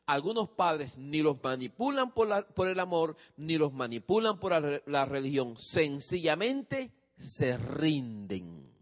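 A man with a fairly high voice lectures a live audience, pausing to put questions to them. His voice carries a long reverb in a large hall. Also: sing-song. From from a different country than his audience. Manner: engages listeners with questions. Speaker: speaker on parenting teens.

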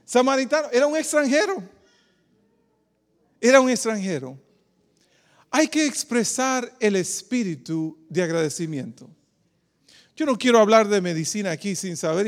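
A man's voice: extremely high pitch, in a large hall. A pastor from the Republic, preaching a sermon and quizzing his congregation with questions. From Dominican Republic. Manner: preacherly, asks the congregation questions, calls them "queridos".

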